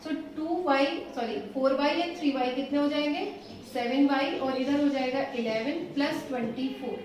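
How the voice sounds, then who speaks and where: A woman math teacher explaining solutions step by step, patient and reassuring, slowing down as she writes. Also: high voice, darkish tone, slight background noise. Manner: patient, reassuring, slows down while writing. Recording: echoey room, voice from a distance.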